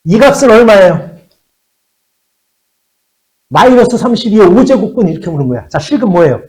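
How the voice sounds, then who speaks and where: Male math teacher, animated pitch, slightly high voice, repeats key words, keeps checking if students follow. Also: normal speed, low-quality recording. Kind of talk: classroom math lecture.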